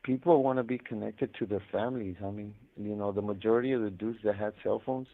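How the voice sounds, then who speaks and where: A man calling from prison tells his life story fast, in a fairly low voice with vocal fry and fairly even intonation. The muffled phone call is casual and rambling, packed with slang and profanity.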